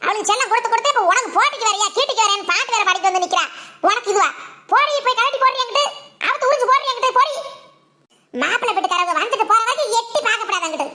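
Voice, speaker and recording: A woman's voice: lively intonation, racing, heavily acted. A woman voicing a bossy, scolding village mother in a cartoon, with a Tirunelveli Tamil accent. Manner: scolding, nagging, high and bright.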